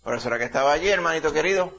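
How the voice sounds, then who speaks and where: A man's voice: a little high, lively intonation, racing, vocal fry, a bit bright, muffled recording. A man from Latin America preaching a sermon in a conversational teaching style, full of rhetorical questions and "ok?" check-ins.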